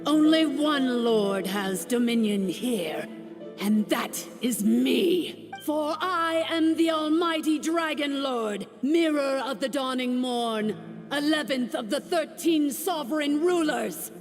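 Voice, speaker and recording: A woman's voice: high voice, lively intonation. A woman voicing an almighty dragon lord in a video game, a haughty ancient female tyrant who speaks with grandiose scorn. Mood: menacing. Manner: grandiose, scornful, slow and commanding. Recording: game audio with long reverb. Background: game music.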